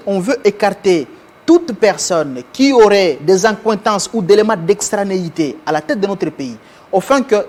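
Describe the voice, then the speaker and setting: A man from Congo, a guest in a televised interview, speaking in formal, measured phrases and often repeating himself. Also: high voice, darkish tone. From Congo (DRC).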